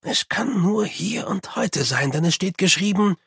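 The reader voicing an old sweeper monk with a wise, quiet temper, speaking slowly and softly in an audiobook. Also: medium pitch, expressive, gravelly, breathy edge, dry recording, studio quality, pitched above the performer's own voice, full character voice. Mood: calm.

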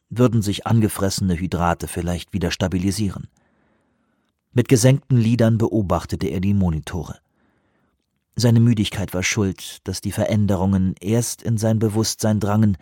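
A man narrating an audiobook in a measured, even way. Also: lowish voice, no room sound, clean studio sound. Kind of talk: scripted narration.

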